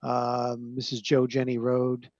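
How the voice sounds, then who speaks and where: A man on a video call, presenting application documents to a zoning board page by page in a measured, hesitant way with frequent fillers. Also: medium pitch, monotone, darkish tone, no echo. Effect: heard over a video call. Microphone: computer microphone on a video call. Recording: dull, narrow-band call audio.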